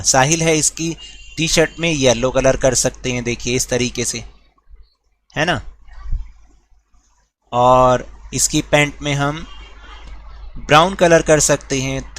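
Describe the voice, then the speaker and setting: A man's voice: fairly high pitch, fairly bright tone. A male teacher with an Indian English accent, patiently walking pupils through a worksheet step by step. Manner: slow, patient, counts aloud step by step. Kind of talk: worksheet lesson for school pupils.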